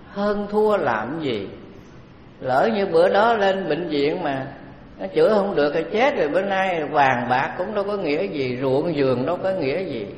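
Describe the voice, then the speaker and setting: Buddhist teacher, echoey hall. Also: male voice, fairly high pitch, dull audio, slight background noise. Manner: unhurried, conversational teaching with many pauses. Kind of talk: dharma talk sermon. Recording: echoey hall, faint background ambience.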